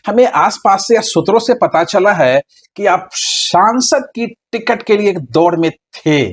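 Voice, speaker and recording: Guy interviewer, pretty high voice, pokes with sharp questions. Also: animated, measured pace, husky. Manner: pointed, probing questions.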